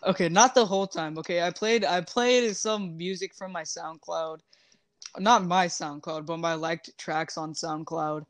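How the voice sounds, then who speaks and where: A man chatting casually while playing a zombie game, joking and rambling, often trailing off softly. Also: on the high side, fairly even intonation, measured pace, dry recording. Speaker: gamer streaming zombie survival. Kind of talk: casual gaming chat.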